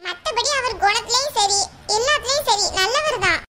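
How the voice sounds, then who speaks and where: A woman voicing a gentle older sister in a cartoon, soft and pleading. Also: very high-pitched, lively intonation, moderate pace, heavy background noise. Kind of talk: cartoon voice acting.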